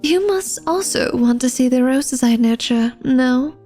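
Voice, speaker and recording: Over soft background music, a woman plays an elegant, secretive vampire lady of a manor in a flirtatious ASMR roleplay. Her high-pitched voice is animated and mellow at a measured pace, and she addresses the listener formally, genteelly, coyly, and teasingly.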